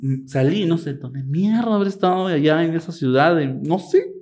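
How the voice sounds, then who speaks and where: A man with a Peruvian Spanish accent telling a personal story in a casual chat, campy and animated, often breaking into laughter. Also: a little high, moderate pace. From Peru.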